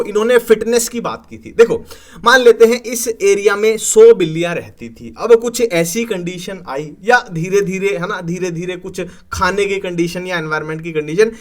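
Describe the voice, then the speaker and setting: Young male tutor, high-pitched, chatty explaining style. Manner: explains with lots of tag questions and emphatic rises. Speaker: teacher. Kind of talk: exam-prep lecture.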